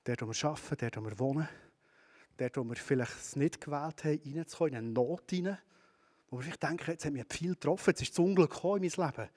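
A man with a Swiss German accent preaches in a conversational way. He speaks straight to his listeners in a high voice. He often asks them questions. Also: quick pace, darkish tone. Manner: conversational, addresses listeners directly. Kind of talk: sermon.

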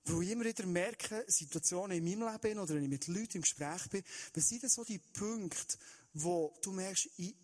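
A man, preaching an Easter sermon in an earnest way and speaking straight to his listeners. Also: sits high. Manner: earnest, direct address to listeners, shifting pace.

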